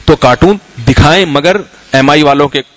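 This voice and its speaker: A man's voice: fairly high pitch, no room sound, poor audio. Storytelling middle-aged male preacher, dry sound. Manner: conversational, anecdotal, asks the audience questions. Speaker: Islamic scholar. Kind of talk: sermon and Q&A talk.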